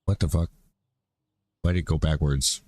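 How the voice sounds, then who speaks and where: A man's voice: extremely low pitch, fairly even intonation, moderate pace, a little mellow, no room sound. A middle-aged man chatting casually while streaming a game, rambling and swearing offhand. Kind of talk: casual chat while gaming.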